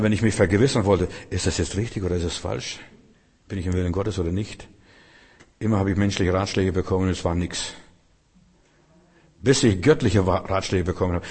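A man's voice: lowish voice, a little mellow, husky. A man preaching a sermon in German, telling his own story in a rambling way and often repeating words. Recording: reverberant hall.

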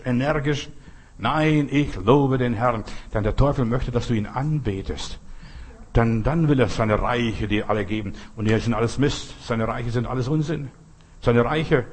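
A man with a slightly husky voice delivers a sermon in an emphatic preaching manner. He keeps turning to the listener with direct rhetorical questions and repeats his points forcefully. His pitch sits in an ordinary middle range.

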